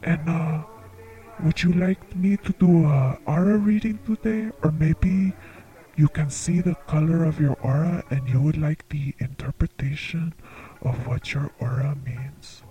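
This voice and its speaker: A man hosting a comedic call-in show as a psychic, speaking in a slow, soft-spoken, earnest way. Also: on the high side, dull audio, faint music behind. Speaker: psychic radio show host.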